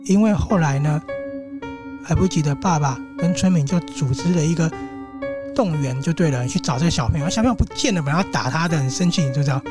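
Casual male host with a Taiwanese Mandarin accent, telling a ghost story in a chatty, animated way, music in the background. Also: on the high side, fairly quick. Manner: chatty, animated, with asides to the audience.

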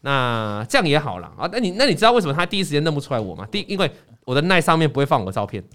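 A man hosting a casual chat show, telling stories animatedly and acting out the people in them. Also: rapid-fire. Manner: animated, acts out quoted people with big pitch jumps. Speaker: podcast host.

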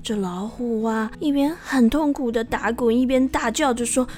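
A woman with a Taiwanese Mandarin accent narrating a folk tale for children in a lively, expressive way. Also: a little high, normal speed, soft background music. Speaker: storyteller.

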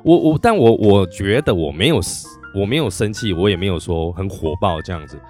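Animated man telling a story. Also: low voice, a little fast, faint music behind. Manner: animated, acts out quotes, restarts often. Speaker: podcast host and working musician. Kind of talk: casual storytelling monologue.

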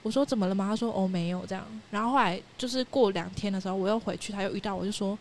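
A woman's voice: mid-range voice, racing, slight background noise. A young woman telling a ghost story in casual chat, acting out voices and sound effects. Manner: animated storyteller, sound effects and quoted dialogue.

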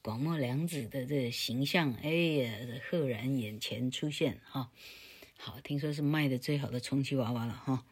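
A woman's voice: extremely low pitch, normal speed, slightly rough. A woman teaching English pronunciation in a recorded lecture. She tells playful jokes, laughs at her own stories, tags her phrases with a chatty "ha", and stretches out sounds to demonstrate them.

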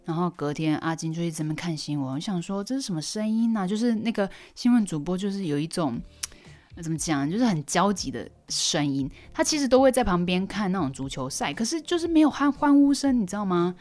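A young woman hosting a casual solo podcast. She tells stories expressively, and her voice jumps up when she is surprised. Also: fairly low pitch. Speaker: podcast host.

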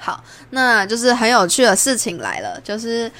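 A woman's voice: very animated, normal speed, a bit bright. Chatty young Taiwanese woman telling stories. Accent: Taiwanese Mandarin. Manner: chatty, acts out quoted lines with big pitch jumps. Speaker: podcast host. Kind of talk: casual storytelling monologue.

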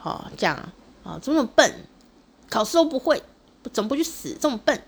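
Woman doing a shrill scolding mother, harsh and cutting, voice jumping up and down. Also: big pitch swings, fairly quick, breathy edge, exaggerated voice. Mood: cruel scolding.

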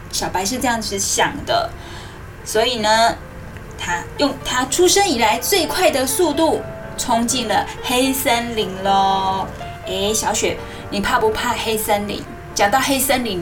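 High-voiced woman reading as if to toddlers. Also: distant mic, poor audio. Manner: animated, simple coaxing speech, as if reading to a toddler. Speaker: host of a children's radio story programme. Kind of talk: interactive storytelling to young children, asking questions. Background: music.

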